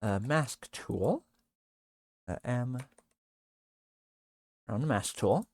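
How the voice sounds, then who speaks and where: Halting, mumbling male streamer. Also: mid-range voice, lively intonation, darkish tone, no room sound, studio quality. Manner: halting, many fillers, trailing off mid-sentence. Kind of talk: casual livestream chat while working on 3D art.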